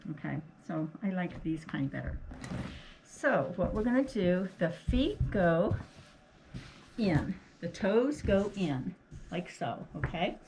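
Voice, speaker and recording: Woman, slightly low voice, speaking through a face mask, casual craft tutorial host, talks while working, noisy recording. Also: very animated, slow. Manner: homely, talks along while working, often checks with "okay". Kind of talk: casual hands-on demonstration. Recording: clearly noisy, clicks of handling.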